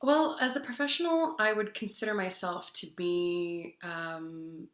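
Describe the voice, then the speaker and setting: A woman's voice: lowish voice, a little slow, a bit bright, roomy sound. A woman guest on a casual video-call interview who is bubbly and laughs easily.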